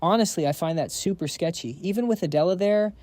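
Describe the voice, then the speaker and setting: A man doing a sharp, blunt young student. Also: high voice, fast, dry recording, voice pushed up, lightly acted. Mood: suspicious. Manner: probing, pointed questions.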